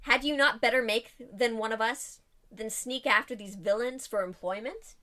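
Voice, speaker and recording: Pirate captain, a woman putting him on, scornful, epic old-style speech, bright higher register. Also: moderate pace. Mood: defiant. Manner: epic, declamatory scholarly reading. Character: defiant adult male pirate captain, grandly scornful.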